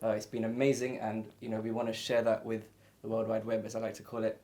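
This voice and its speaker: A man's voice: on the low side, little pitch movement, fast talker, heavy background noise. A man hosting a casual interview, asking questions in a loose and friendly way with plenty of fillers. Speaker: host, interviewer.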